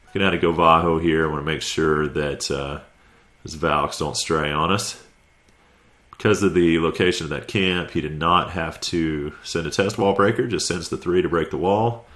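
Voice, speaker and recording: A man with a stuffy head cold offers laid-back, conversational play-by-play over a video game recap of a clan war. His voice is low, with a slight brightness to it.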